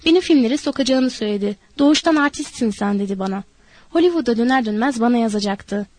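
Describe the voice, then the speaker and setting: A woman voicing a lonely, restless young wife in an audiobook, talking in an eager, rushing, pleading way. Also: on the high side, lively intonation, a little mellow, dry recording. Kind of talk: audiobook character voice.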